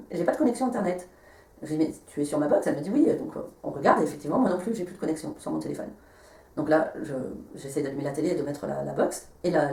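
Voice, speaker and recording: A woman tells a personal story at a quick clip, rambling and stopping to restart her sentences. Her voice sits low and mellow. The room sounds echoey, and she is a little away from the mic. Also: distant mic. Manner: rambling, many hesitations and restarts. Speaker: medium telling a personal story. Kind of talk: casual spoken storytelling. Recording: roomy echo, voice a bit off-mic.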